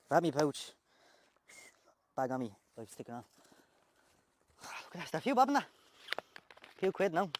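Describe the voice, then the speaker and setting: A man's voice: medium pitch, a little hiss or hum. An Irish tradesman in a casual unboxing chat, joking and swearing as he talks to the person filming. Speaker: tradesman unboxing work gear.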